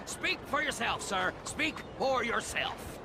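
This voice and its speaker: An actor playing a pompous, indignant stranger who lectures and scorns in a video game. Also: male voice, extremely high pitch, animated, slow pace, creaky, exaggerated voice. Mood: scornful. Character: pompous bigoted middle-aged man, ranting stranger. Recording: loud background noise.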